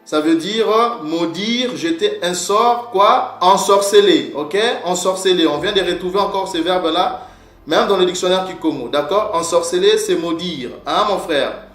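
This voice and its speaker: High-voiced man teaching, echoey room. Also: normal speed, a bit bright. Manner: repeats "mon frère", asks and answers his own questions. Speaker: teacher of word origins. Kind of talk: informal lesson.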